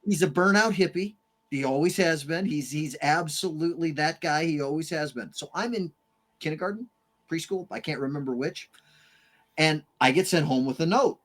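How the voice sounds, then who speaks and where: A man's voice: fairly high pitch, moderate pace. A man who is a parent and hosts a podcast, telling a story animatedly in casual chat and swearing freely. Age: adult parent. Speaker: podcast host. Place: streamed studio room.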